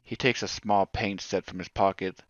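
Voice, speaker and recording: A man reads a horror story in a very deep, flat voice, keeping his delivery slow and subdued. The recording sounds dull and lo-fi, and soft music plays faintly underneath. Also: no echo. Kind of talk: scripted horror narration.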